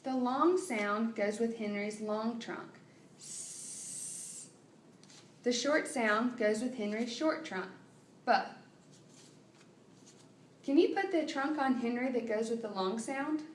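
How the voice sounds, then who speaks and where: A woman working as a speech therapist, talking slowly and encouragingly to a child in exaggerated, simple phrases. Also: fairly high pitch, slight background noise. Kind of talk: child-directed therapy demonstration. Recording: echoey room, mic far off.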